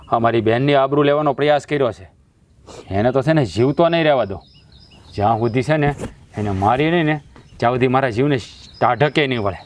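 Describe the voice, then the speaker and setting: A man's voice: medium pitch, no room sound, natural voice. An actor playing a hot-tempered young village man who protects his sister, speaking angrily in a village family drama. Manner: angry, heated. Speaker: protective brother.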